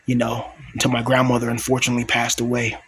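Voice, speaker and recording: Male, thirties, medium pitch. Hushed, whispered confessional vlogging, aggrieved and repetitive, noisy recording. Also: fast talker. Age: 30s. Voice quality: whispered, hushed voice held back to avoid being overheard. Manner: aggrieved venting, repetitive, swearing. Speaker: video blogger. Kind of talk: confessional vlog monologue. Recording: clear steady background noise.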